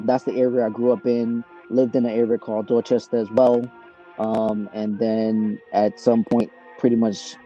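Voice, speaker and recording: A man in his thirties with a very dark, mellow voice tells stories about growing up, loose and unhurried and full of fillers. He is speaking over a video call, and faint music plays underneath. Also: medium pitch, dull audio. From Trinidad, raised in Boston. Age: 30s. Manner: relaxed, storytelling, many fillers. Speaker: basketball coach, guest.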